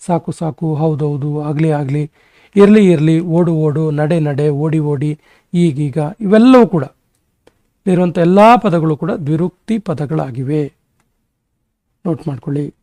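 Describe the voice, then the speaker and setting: High-voiced man rattling off grammar lists. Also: dark tone, dry recording. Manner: brisk, rattles off word lists. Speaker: exam-prep teacher. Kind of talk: grammar lesson.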